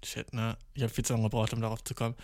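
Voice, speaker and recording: A young man doing a rambling comedic monologue, full of swearing and English slang, jumping from mumbled asides to excited outbursts. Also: medium pitch, rapid-fire, no echo, clean studio sound. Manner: slangy, profane, mixing English words into German; jumps from deadpan mutters to excited outbursts.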